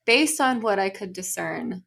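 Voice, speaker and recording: A woman co-hosting a casual podcast, with a creaky, gravelly texture to her voice. She talks in an animated, exasperated way. Her delivery is dry and sardonic. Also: mid-range voice, measured pace. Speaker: podcast co-host. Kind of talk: casual chat.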